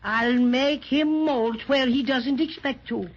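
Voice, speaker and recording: Paddy O'Cinnamon, a cheerful little bear. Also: female voice, high voice, slow pace. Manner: cheerful, bossy toward the stork, reassuring. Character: kindly protective little cinnamon teddy bear. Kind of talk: 1930s radio acting. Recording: dull old 1930s radio transcription.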